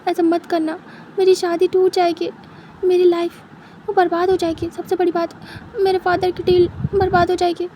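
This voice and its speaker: A woman's voice: extremely high pitch, monotone, normal speed, dark tone, a little hiss or hum, pitched above the performer's own voice. Woman voicing a panicked young man begging. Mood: pleading, panicked. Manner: panicked, begging, breaking into cries. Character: frightened young man pleading with his captor.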